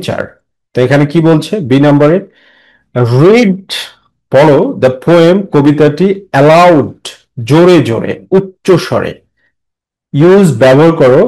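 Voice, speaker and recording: A young man teaching an English lesson in Bengali, slowing down to read the English lines aloud and explaining each word. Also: a little high, a little mellow, rough recording. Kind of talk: classroom lesson explaining a textbook poem.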